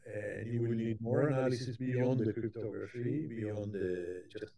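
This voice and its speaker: A man giving a conference keynote lecture, talking in a halting way with frequent restarts and repeated words. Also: lowish voice, fairly even intonation, vocal fry, mellow. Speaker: keynote speaker.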